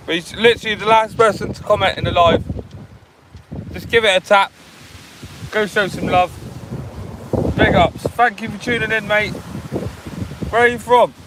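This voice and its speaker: A man with a fairly high voice and a West Country English accent, chatting informally to live-stream viewers. His talk is slangy and casual. He is outdoors, with clear wind noise on the microphone. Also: steady tone, normal speed, long pauses. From England. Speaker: live-stream host, angler. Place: outdoors on a windy beach.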